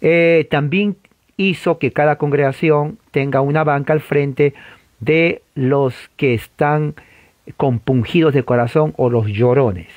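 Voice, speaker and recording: A man teaching church history in an informal lecture, animated and conversational, with frequent rhetorical asides to the listener. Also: on the high side, slow, no room sound, phone-quality sound.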